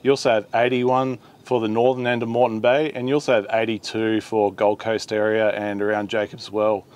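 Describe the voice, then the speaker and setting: An Australian man in his thirties, a volunteer coast guard instructor, presents a video in a plain, informal way, walking through things step by step. His voice is lowish, level, fairly quick and somewhat dark. Scenes move between a boat on the water, an open garage and a radio room, with roomy echo and clear ambient noise.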